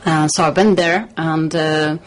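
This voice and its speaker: A woman from the Czech Republic, a studio guest in a radio interview, talking in a measured, hesitant way with many fillers. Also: low-pitched, steady tone, low-quality recording.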